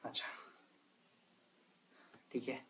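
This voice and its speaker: A man's voice: extremely slow, sharp tone, slight background noise. A man teaching a math lesson, talking straight to his students, checking in with them often and correcting himself as he thinks aloud. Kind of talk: exam problem walkthrough lesson.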